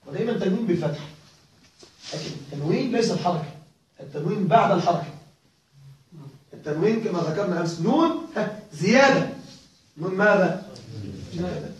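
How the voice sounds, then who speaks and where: A man's voice: high voice, muffled recording, a little hiss or hum. A man teaching a grammar lesson to a class, drilling each rule by repetition and often checking that the students are following. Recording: echoey room, mic far off.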